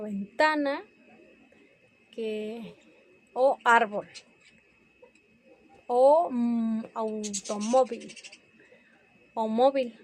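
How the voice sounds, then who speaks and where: A woman's voice: fairly high pitch, darkish tone, slight background noise. A young woman presenting a class review, hesitant and correcting herself as she goes. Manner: hesitant, self-correcting, slow and careful.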